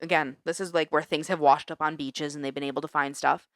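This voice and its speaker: A woman co-hosting a casual podcast, animated and exasperated, swearing freely. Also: low voice, quick pace, no echo. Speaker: podcast co-host. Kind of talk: casual chat.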